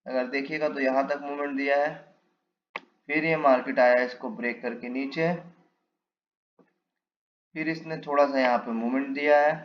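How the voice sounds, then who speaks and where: Male trading teacher, casual walk-through, quizzes himself as he draws; lo-fi mic in an echoey room. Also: mid-range voice. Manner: explains while drawing, asks and answers his own questions. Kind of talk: casual step-by-step chart lesson. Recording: echoey room, dull lo-fi mic, faint hiss.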